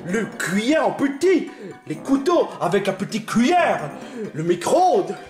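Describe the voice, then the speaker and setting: A man's voice: sits high, big pitch swings, measured pace, darkish tone. A man voicing a greedy, bossy male character who insults people and gloats over everything he has won, in a homemade comedy skit with faint music in an echoey room. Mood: gloating. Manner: pompous, gloating, insulting, rattles off lists.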